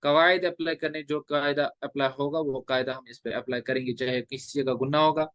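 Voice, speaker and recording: A male teacher explaining recitation rules step by step, drawing out letters in slow chanted examples. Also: mid-range voice, steady tone, fairly bright tone, no room sound, highs cut off. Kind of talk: classroom lecture on recitation rules.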